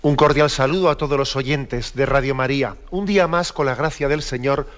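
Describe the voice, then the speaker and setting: Bishop giving a radio catechism. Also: male voice, medium pitch, moderate pace, soft background music. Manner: reflective, explanatory, reads text in parts. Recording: slightly dull radio broadcast.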